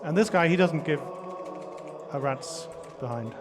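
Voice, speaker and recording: Higher-voiced man commentating a speedrun. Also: a little slow, background noise. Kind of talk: casual live gameplay commentary. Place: live event with small audience. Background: game music and sound.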